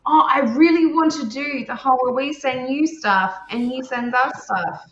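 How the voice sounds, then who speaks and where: A woman chatting on a video call, animated and chatty, jumping between thoughts. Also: sits high, measured pace, distant mic. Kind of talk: casual chat. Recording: echoey, muffled video call audio with faint hiss.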